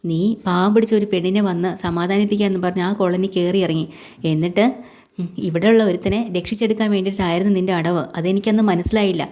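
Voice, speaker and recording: Woman doing a gruff, curt working man. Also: mid-range voice, steady tone, brisk, mellow, close to an everyday voice. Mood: curt, irritated. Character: blunt angry working-class man.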